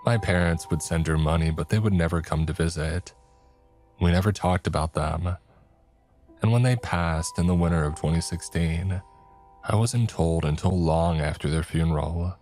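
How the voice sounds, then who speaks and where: A man with a very low voice narrates a first-person horror tale. He speaks in a slow, hushed way, while soft music plays faintly underneath. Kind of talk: scripted horror story narration.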